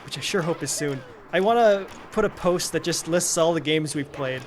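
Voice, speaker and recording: Giggly higher-voiced man gamer. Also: a little hiss or hum. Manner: giggly, quick to laugh at his partner. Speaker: streamer co-host. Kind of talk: casual stream chat while playing.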